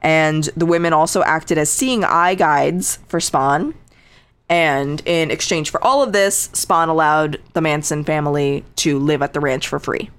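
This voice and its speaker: A woman's voice: low voice, unhurried, clear, resonant tone. A woman co-hosting a podcast, casually telling a true crime story with dry, sarcastic asides and lots of fillers.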